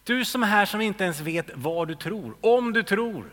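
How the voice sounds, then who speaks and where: Male pastor, high bright voice, sermon that swings from hushed to shouted, in a reverberant church hall. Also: animated. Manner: swings between hushed whispers and loud calls.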